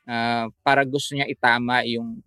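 A man, a photographer guest, telling a story in casual chat, halting with many fillers and restarts. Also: medium pitch, flat delivery, pushed and bright, smooth, no room sound, soft background music.

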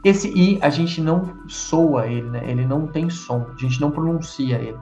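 A man's voice: fairly high pitch, normal speed, warm tone, lo-fi sound. Brazilian-sounding guy teaching english, upbeat, lots of "very good", echoey room, faint music behind. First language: Portuguese. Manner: encouraging, repeats drills, praises often. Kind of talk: online English lesson.

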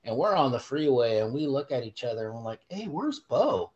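Middle-aged man, animated storyteller, swears freely, remote call, casual podcast chat. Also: mid-range voice, fast, highs cut off. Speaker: podcast guest, host's father. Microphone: remote call setup.

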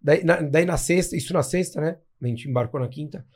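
São dude, kinda high voice, cracking jokes on a podcast. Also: male voice, darkish tone. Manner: jokey, quick quips. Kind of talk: casual chat.

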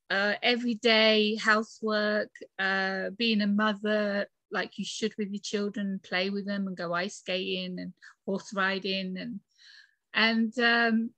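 A British woman in her forties, a guest author and podcaster from the UK, chats casually as an interview guest from her bedroom office. Her medium-pitched voice is fairly bright and recorded dry, with lots of fillers and laughs.

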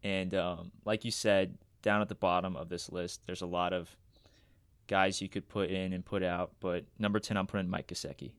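Casting: male podcast co-host, low smooth voice, informal top ten sports countdown with opinionated picks. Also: little pitch movement, moderate pace, no room sound, clean studio sound. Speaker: fantasy football podcast co-host.

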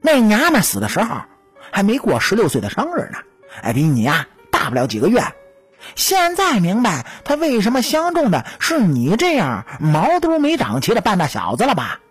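A woman's voice: medium pitch, wildly swooping pitch, normal speed, slightly rough, soft background music, exaggerated voice. A woman voicing a cocky, teasing male weasel spirit in a storytelling audiobook. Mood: smug teasing. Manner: teasing, smug, chuckling.

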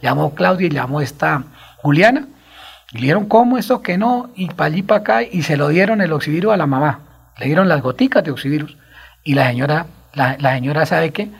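A man's voice: a little high, lively intonation, fairly quick, vocal fry, husky. A Colombian man on a radio talk show, telling stories in an agitated, rambling way and repeating himself.

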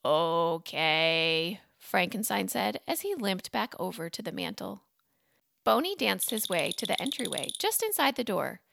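A woman narrating a children's storybook in an animated, expressive way. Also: mid-range voice, normal speed, vocal fry, no echo.

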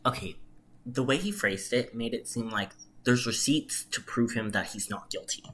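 This podcast co-host, not a native English speaker, speaks at a moderate pace in a mid-range, fairly bright voice. They chat casually and emphatically about their opinions using slang, with background noise clearly present.

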